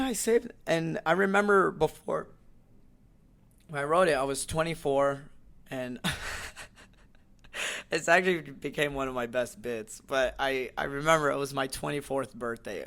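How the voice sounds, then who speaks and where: Rambling storytelling young comedian. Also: male voice, mid-range voice, measured pace, gravelly, a bit bright. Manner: rambling storytelling with many restarts and laughs. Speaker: stand-up comedian, guest. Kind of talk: casual podcast chat.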